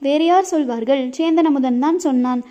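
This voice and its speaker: A brash young warrior, boastful and teasing, full of mock-dramatic cries, as a woman reads him out. The voice sits high and mellow, and the recording is dull and lo-fi. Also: a little fast, lightly acted. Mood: needling.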